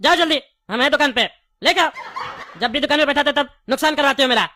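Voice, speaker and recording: A talkative candy-shop owner who argues and laughs easily, played by a woman in a high, bright voice. The delivery is a light comedy-skit performance. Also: quick pace, a little hiss or hum. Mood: chatty. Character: chatty male shopkeeper selling cheap candy. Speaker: comic skit actor.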